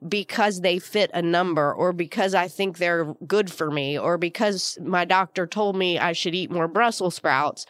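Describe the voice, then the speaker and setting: A woman's voice: mid-range voice, no room sound, clean studio sound. A woman with a slightly groggy voice hosting a solo podcast, explaining informally and coaching listeners with rhetorical questions. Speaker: podcast host.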